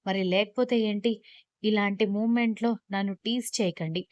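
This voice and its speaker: A woman narrator voicing an affectionate, sulky young wife in an audio love story, with pouting, quick retorts. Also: mid-range voice, steady tone, darkish tone, no echo, muffled recording, lightly acted.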